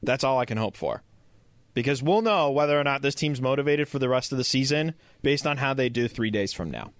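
A man's voice: medium pitch, animated, a little fast, dry recording. A man with an American accent chatting casually about sports as a panelist.

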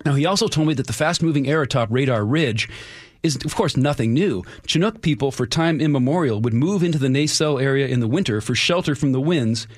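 A man's voice: mid-range voice, expressive, brisk, no echo. A man, the show's resident historian, telling a local history story on a radio feature with chatty enthusiasm.

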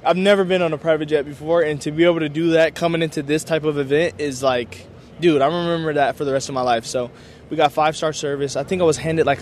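Excited young man, upbeat and grateful. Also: a little high, a little hiss or hum. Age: young adult. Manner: enthusiastic, grateful, casual with filler words. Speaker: college football player. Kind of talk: media day interview.

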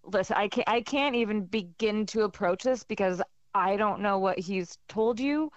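A woman's voice: mid-range voice, moderate pace, no echo. A woman speaking over the phone as a radio caller, indignant and exasperated, searching for words. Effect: heard over the phone. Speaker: caller, listener's ex-wife. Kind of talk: radio call-in conversation. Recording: muffled phone line.

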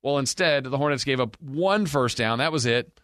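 A man's voice: medium pitch, normal speed, a bit bright, clean tone, no room sound, clean studio sound. An American man hosting a sports podcast, giving a conversational, emphatic recap and analysis of football games. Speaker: sports podcast host and game broadcaster.

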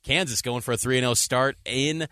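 A man's voice: medium pitch, normal speed, sharp tone, no room sound, studio quality. A man co-hosting a sports podcast, previewing games in an easygoing, jokey way. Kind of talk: casual sports talk.

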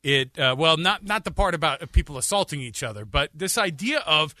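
Male radio co-host, bright and lively, rambling jokey banter, dry studio sound. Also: on the high side, fairly quick, no echo. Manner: joking, rambling, restarts often.

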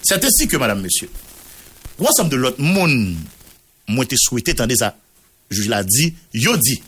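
A man's voice: mid-range voice, very animated, normal speed, fairly bright tone, breathy edge. A man with a Haitian accent, a radio news journalist reading out a court order and a long list of names, mixing Creole into French. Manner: mixes Creole into French, reads long name lists.

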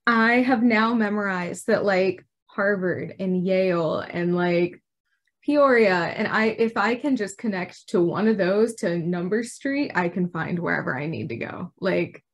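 A woman's voice: mid-range voice, measured pace, dull audio. Chatty young American woman, casual. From Arkansas, United States. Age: young adult. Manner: chatty, informal, frequent "like". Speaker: intern reporter being interviewed. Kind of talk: casual conversational interview.

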